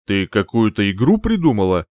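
A man's voice: mid-range voice, big pitch swings, normal speed, no echo, studio quality, close to an everyday voice. A man voicing a lazy, teasing young prince in an audiobook, drawling and smirking. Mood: smug.

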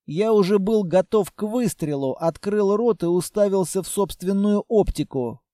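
A man narrating a first-person adventure audiobook in a measured, unhurried way, close to the mic. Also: high-pitched, mellow.

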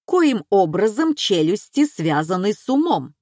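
A woman voicing a touchy, pedantic male expert who lectures in a precise, measured way, read slowly in a dry room. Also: mid-range voice, sing-song, darkish tone, no room sound. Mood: lecturing.

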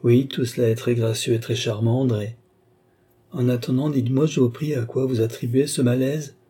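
Man reading a worried protective young nobleman, husky mellow voice, earnest, audiobook. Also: medium pitch, fairly even intonation, moderate pace, lightly acted.

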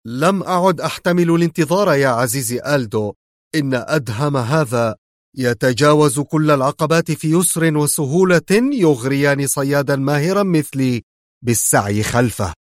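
A man voicing a calm, smug male villain who mocks his captive quietly and without hurry. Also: fairly high pitch, no echo, clean studio sound, voice pushed up, close to an everyday voice. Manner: quiet, mocking and unhurried.

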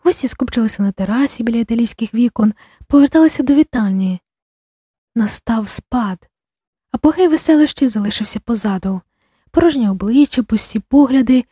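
A woman narrating an audiobook, measured and expressive. Her voice sits a little high, with a mellow, breathy tone. The recording is close and dry. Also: no echo.

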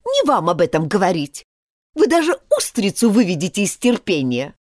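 A woman's voice: medium pitch, huge pitch swings, normal speed, darkish tone, no room sound, clean studio sound. A woman voicing a sulky, cheeky young jellyfish who snaps back at her mother, in a storybook. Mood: irritated. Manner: irritable and snappish.

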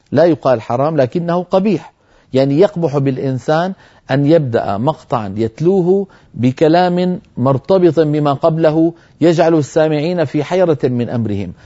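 A man teaching Quran recitation on a TV program, answering viewer questions firmly and reciting verses slowly to demonstrate. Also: a little high, warm tone, dull audio.

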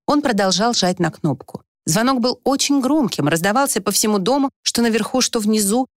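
Expressive woman narrating an audiobook. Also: normal speed, no room sound, clean studio sound. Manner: expressive reading, rising pitch for the anxious heroine. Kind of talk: scripted narration.

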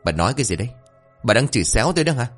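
A man's voice: medium pitch, very animated, very fast, husky, faint music behind. A man voicing a stubborn, arrogant middle-aged father who dismisses complaints. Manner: dismissive, blustering.

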